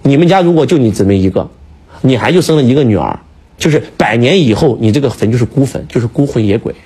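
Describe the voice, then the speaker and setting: A husky-voiced man talks quickly and emphatically, firing rhetorical questions at his listener. His pitch sits low but swings widely as he presses each point. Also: lively intonation, warm tone. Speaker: speaker, teacher. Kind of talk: casual preaching chat.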